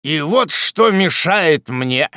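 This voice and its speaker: A man's voice: fairly high pitch, expressive, takes it slowly, bright, forceful tone, no echo, clean studio sound, exaggerated voice. A man voicing a pompous, blustering middle-aged magistrate in a storybook reading.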